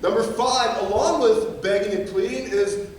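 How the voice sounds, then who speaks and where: A man preaching a sermon in a lively, playful way, acting out quotes in funny voices and laughing often, recorded in a church sanctuary. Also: high-pitched, normal speed, a little hiss or hum. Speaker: pastor. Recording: very echoey church sanctuary from far off.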